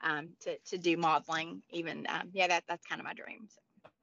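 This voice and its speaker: A woman's voice: lowish voice, steady tone, moderate pace, creaky, bright, forceful tone, no echo. A woman in her forties who is losing her voice, chatting as an interview guest with many fillers and restarts. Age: 40s. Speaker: guest, motivational speaker. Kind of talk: casual interview chat. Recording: dull lo-fi sound.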